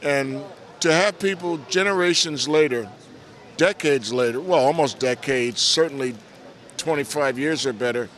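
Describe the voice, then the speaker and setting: An older American man, a guest at an outdoor event, telling animated anecdotes and acting out the voices in a relaxed interview. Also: medium pitch, moderate pace. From United States. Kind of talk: casual storytelling interview.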